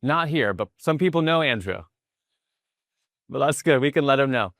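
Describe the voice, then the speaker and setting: Delivering a motivational keynote in a big conference hall, this New York-area man in his thirties tells stories with energy, his voice rising as excitement builds. His pitch is medium, his speed normal, and the recording is clean studio sound.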